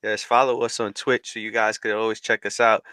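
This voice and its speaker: A man's voice: fairly low pitch, level tone, brisk, pushed and bright, clear, resonant tone, no room sound. A man hosting a casual livestream talk show, laid-back, laughing easily and greeting viewers in the chat. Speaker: podcast host.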